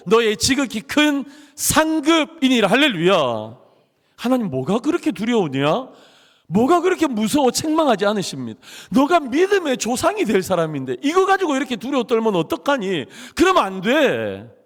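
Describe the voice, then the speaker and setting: A man preaches from the pulpit with a high, highly animated voice that swoops as he acts out inner worries and God's reassurance. His words ring out with the long reverb of a church hall. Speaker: pastor. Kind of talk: sermon. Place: church sanctuary.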